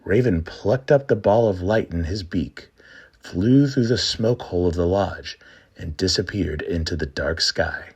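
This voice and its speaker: A man with a low, husky voice presents a trickster tale as a storyteller. He takes his time, and his pitch moves in broad, lively swings. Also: measured pace. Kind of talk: scripted folktale narration and explanation.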